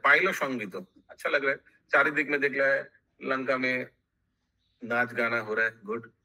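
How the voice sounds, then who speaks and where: A man with a Bengali accent teaching a scripture class, slowly chanting verses and then explaining them quickly. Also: medium pitch, sharp tone, husky, poor audio. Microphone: online class call.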